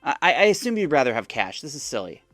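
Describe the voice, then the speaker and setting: A man's voice: medium pitch, very animated, fast talker, a bit bright, no room sound, soft background music. Wry man recapping a scam chat. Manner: wry, mocking, acts out chat messages in other voices. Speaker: scam-baiting content creator. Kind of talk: casual storytelling recap.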